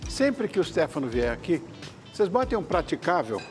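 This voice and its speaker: Effusive older male TV host, slightly high. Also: moderate pace, music in the background. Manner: effusive, jokey and flattering. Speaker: TV talk show host. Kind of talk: casual studio chat. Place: TV studio kitchen set.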